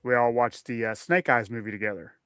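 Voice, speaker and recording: A man's voice: medium pitch, fairly even intonation, brisk, sharp tone, smooth, no room sound. Chatty man hosting a livestream. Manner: friendly, chatty, laughs easily. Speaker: podcast host. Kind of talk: casual livestream chat. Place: home room during a storm.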